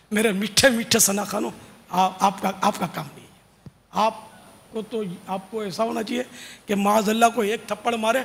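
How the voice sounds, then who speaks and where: A religious preacher with a high, gravelly, fairly bright voice gives an earnest, informal sermon to devotional singers, urging them on with casual asides. Long reverb suggests a large hall, and there's a little hiss or hum.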